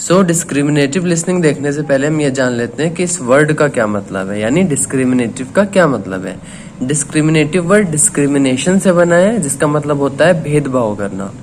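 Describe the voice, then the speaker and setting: A man hosting his own channel, explaining a lesson step by step and reading definitions slowly before restating them. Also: a little high, a little hiss or hum. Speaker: teacher and channel host.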